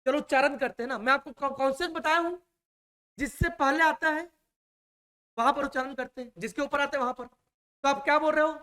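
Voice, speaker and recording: A man's voice: very high voice, brisk, pauses often, sharp tone. A man teaching a Hindi exam-prep class in a classroom. He repeats each point and keeps checking that his students follow. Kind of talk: classroom lecture.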